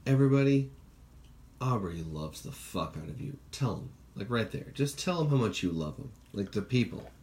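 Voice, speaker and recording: This podcast host, lowish and a little mellow, speaks at a moderate pace with lively intonation. Chatting casually, he rambles, curses freely, and acts out quoted voices. There's faint background noise with birds audible outside.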